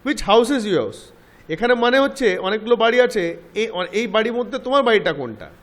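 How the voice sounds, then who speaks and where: High-voiced man teaching grammar. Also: expressive. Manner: reads English examples slowly, then explains quickly; asks the listener check questions. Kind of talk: classroom lesson explaining grammar.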